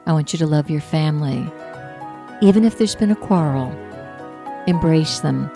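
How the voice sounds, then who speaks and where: Slow, mellow-voiced woman giving spiritual encouragement. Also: low-pitched. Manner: earnest, measured and heartfelt. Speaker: host. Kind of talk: spiritual inspirational talk.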